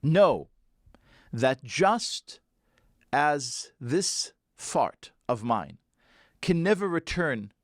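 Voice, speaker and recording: A man's voice: a little high, very animated, very slow, long pauses, no room sound, clean studio sound, voice pushed up, exaggerated voice. A man voicing a stern female prostitute who delivers a harsh judgment, in a solemn pronouncing manner.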